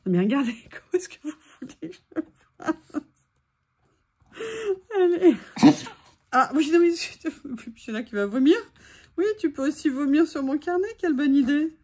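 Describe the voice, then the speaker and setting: A woman's voice: sits high, a little slow, pauses often, dark tone. A woman chatting casually while making a collage at home, playful and teasing with asides to her dog. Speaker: craft vlogger.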